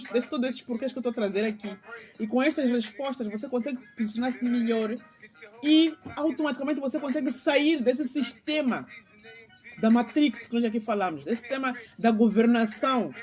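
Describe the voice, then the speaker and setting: A woman's voice: on the high side, darkish tone. Middle-aged female vlogger, slight lisp, earnest spiritual preaching, music underneath. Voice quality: slight lisp, tongue-tied speech. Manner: earnest, preaching, rhetorical questions. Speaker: channel host. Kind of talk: spiritual commentary vlog, speaking off the cuff.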